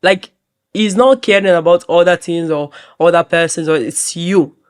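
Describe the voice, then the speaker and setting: A woman's voice: lowish voice, normal speed, clear, resonant tone. A woman with a Nigerian accent, a model chatting as a podcast guest, laughing often and slipping into Pidgin. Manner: laughing, animated, mixes in Pidgin. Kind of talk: casual interview.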